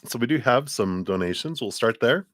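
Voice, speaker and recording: With clean studio audio and no room sound, a man running a live tarot stream rambles casually between card readings, laughing a lot despite a tickle in his throat. His medium-pitched voice is expressive and moderately paced.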